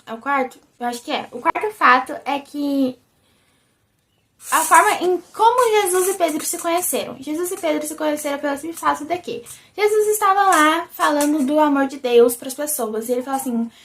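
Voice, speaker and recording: A young woman with a Brazilian accent hosts a casual vlog. Her voice is high and squeaky, almost childlike, and she talks in an animated way. She keeps turning to her viewers as she chats. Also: brisk. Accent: Brazilian Portuguese. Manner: animated and chatty, often calls the viewers "gente". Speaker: vlogger. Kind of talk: casual religious video chat.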